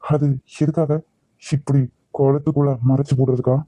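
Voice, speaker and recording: Man voicing an intense young husband, dark toned. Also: medium pitch, little pitch movement, normal speed, dry recording, close to an everyday voice. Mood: insistent. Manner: earnest, insistent, emotional.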